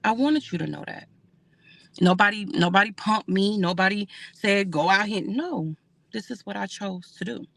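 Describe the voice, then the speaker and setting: Candid woman livestreaming, gravelly bright voice. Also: mid-range voice, normal speed, no room sound. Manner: candid, conversational, reads comments aloud. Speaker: livestream host reading viewer comments. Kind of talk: casual livestream talk.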